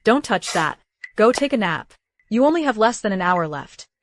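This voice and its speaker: A woman dubbing a caring young wife in a period drama, with a gently bossy, fussing manner. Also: mid-range voice, sing-song, moderate pace, a little hiss or hum. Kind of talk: English dub of a period drama.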